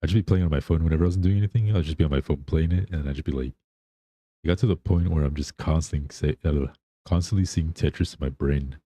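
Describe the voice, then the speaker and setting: Male livestreamer, extremely low and mellow, slightly husky, rambling laid-back chat in a dry-sounding space. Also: quick pace, no echo. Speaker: live streamer.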